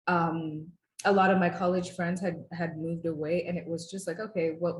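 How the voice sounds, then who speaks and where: A young woman from Uganda speaks in a low, easy voice, sharing her own story in a relaxed testimonial. She talks conversationally, often pausing on fillers and starting sentences over. The room has a noticeable echo, with a faint hum of ambience behind her. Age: 20s. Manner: conversational, many fillers and restarts. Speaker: client giving a testimonial. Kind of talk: casual testimonial interview.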